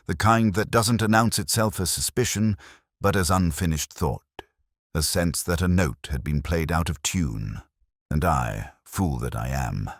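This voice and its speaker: A man playing a melancholy older police inspector, narrating a detective drama in a measured, literary, reflective way. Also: a bass voice, dry recording, studio quality. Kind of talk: scripted first-person detective drama narration.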